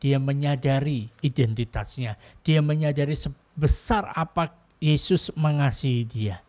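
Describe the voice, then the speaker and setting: A man's voice: mid-range voice, measured pace, darkish tone. A man preaching a sermon in an earnest storytelling way, acting out the dialogue as he retells it.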